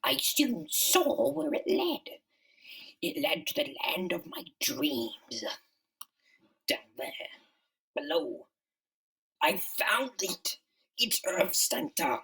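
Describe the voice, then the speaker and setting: A man voicing a bitter, megalomaniac underground comic-book villain in a slow, theatrical, menacing monologue with a whispery rasp. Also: very high voice, very animated, bright, forceful tone, far from the mic, pitched above the performer's own voice, heavily acted, low-quality recording. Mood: brooding. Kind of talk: dramatic comic-book reading.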